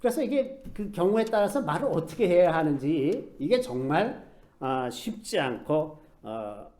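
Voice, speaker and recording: A middle-aged man preaching a sermon as a pastor, telling stories in a conversational way and softly acting out quoted speech. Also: on the high side, sing-song, a little slow.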